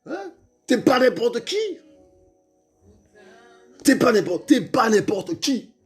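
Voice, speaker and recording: Fervent high-voiced male preacher. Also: big pitch swings, takes it slowly, soft background music. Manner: fervent, repetitive, calls out to listeners, stammers, shouts at times.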